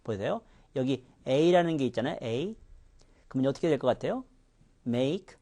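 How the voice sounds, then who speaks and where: A man teaching pronunciation in a lecture, demonstrating each sound with exaggerated contrasts. His voice sits in a middle register and swings widely in pitch as he explains. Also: animated, fast, dark tone. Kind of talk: recorded lecture.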